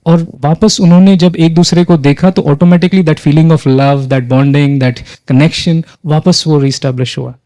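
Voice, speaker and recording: A man's voice: on the high side, fairly even intonation, a little slow, hardly any pauses, mellow, dry recording. A man facilitating a live workshop, leading a group exercise and often asking the audience questions. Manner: engages the audience with frequent questions, mixes in English phrases.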